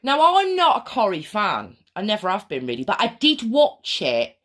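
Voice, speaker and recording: A woman's voice: medium pitch, wildly swooping pitch, moderate pace, a bit bright. A woman co-hosting a podcast in casual chat, with dry asides. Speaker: podcast co-host.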